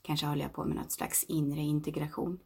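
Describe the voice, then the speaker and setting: A woman in her thirties reading a personal meditation aloud, slow and intimate, often sinking toward a whisper. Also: sits low, little pitch movement, gravelly, a little mellow, husky. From Sweden. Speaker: narrator.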